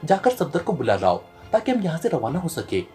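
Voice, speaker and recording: A man's voice: on the high side, huge pitch swings, fairly quick, darkish tone, faint music behind. A man reading as a stern male secret agent. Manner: stern, serious delivery.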